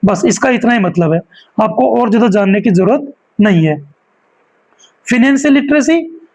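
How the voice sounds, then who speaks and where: A man's voice: very high-pitched, a little mellow, rough recording. A male teacher explaining a school lesson step by step, often checking in with his students.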